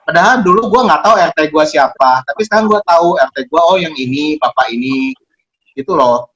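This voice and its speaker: A man with a colloquial Jakarta Indonesian accent who cannot pronounce his R clearly, telling anecdotes in casual chat. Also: a little high, a little fast, fairly bright tone, a little hiss or hum, poor audio.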